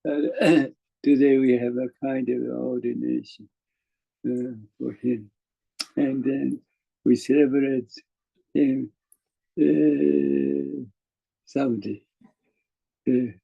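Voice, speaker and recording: A man with a Japanese accent giving a dharma talk as a Zen teacher, halting and full of fillers and chuckles. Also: mid-range voice, creaky, mellow, slightly rough, muffled recording.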